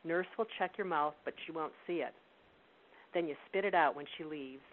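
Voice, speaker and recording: A woman's voice: low voice, moderate pace, close to an everyday voice. A woman voicing an elderly male Welsh wizard in a storybook reading, knowing and confiding, over a tinny phone line with hiss.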